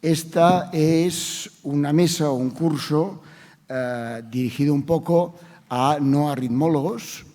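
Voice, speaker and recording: A man with a Spanish accent moderating a medical conference session, measured with frequent fillers. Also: on the high side, mellow. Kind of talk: conference introduction. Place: conference hall. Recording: long hall reverb.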